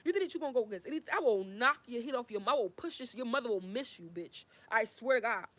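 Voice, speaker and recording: A woman's voice: a little high, animated, quick pace. A young woman ranting heatedly to her camera, swearing, preaching and repeating herself. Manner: fiery, swearing, repetitive, preachy. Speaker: vlogger.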